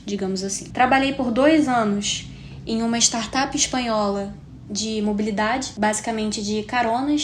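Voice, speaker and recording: A woman's voice: a little high, darkish tone. A woman in her twenties from Rio de Janeiro with a Carioca accent, hosting a solo podcast in a chatty, reflective way. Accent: Carioca Brazilian Portuguese. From Rio de Janeiro, Brazil. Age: 20s. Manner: chatty and reflective, frequent tag questions. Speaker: podcast host. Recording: roomy echo with faint hiss.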